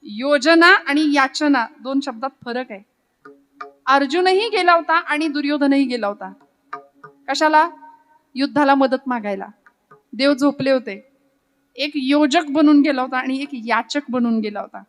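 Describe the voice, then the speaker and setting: A woman's voice: high voice, a little slow, long pauses, a bit bright, soft background music. A Marathi woman preacher giving a devotional kirtan sermon, telling stories and acting out the characters' lines. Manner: dramatic storyteller, voices characters, breaks into Hindi couplets and chant.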